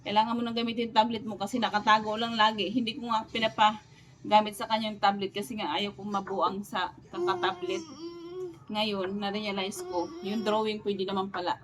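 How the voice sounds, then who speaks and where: A woman's voice: mid-range voice, level tone, fairly quick. A woman with a Filipino accent chatting casually at home in a vlog, mixing Tagalog and English and coaxing her small child. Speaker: vlogger and mother. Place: at home, indoors.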